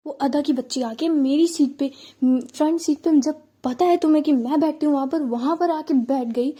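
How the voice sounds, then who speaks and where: Jealous young woman, hot-tempered, rapid accusing rant, high voice, dark tone, done by a woman storyteller. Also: natural voice.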